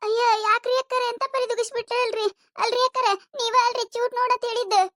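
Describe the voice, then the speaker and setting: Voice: very high voice, little pitch movement, quick pace, bright, forceful tone, a little hiss or hum. A voice actor playing a wailing, complaining village vegetable seller with a North Karnataka accent in a cartoon comedy.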